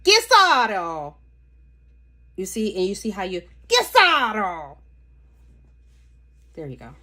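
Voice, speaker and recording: In a fairly low, mellow voice with lively intonation, a woman talks rapid-fire while hosting a casual nail polish live stream. She shows polish, chats with viewers, reads out their comments and wanders off topic easily.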